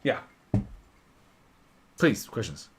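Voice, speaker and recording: A man hosting a casual whiskey livestream, animated and swearing freely as he tells stories. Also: very slow, noisy background.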